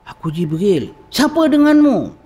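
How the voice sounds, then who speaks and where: Seorang lelaki melakonkan malaikat penjaga pintu langit yang garang, menyoal dengan suara tinggi dan tajam, bergema dalam dewan masjid. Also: male voice, animated, normal speed, husky. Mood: stern. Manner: high sharp questioning voice. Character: stern male angel guarding heaven's gate. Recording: long reverb of a mosque hall.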